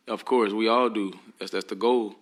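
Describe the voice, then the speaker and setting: A teenage high school football player answering interview questions politely and earnestly. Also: male voice, fairly even intonation, moderate pace. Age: teens.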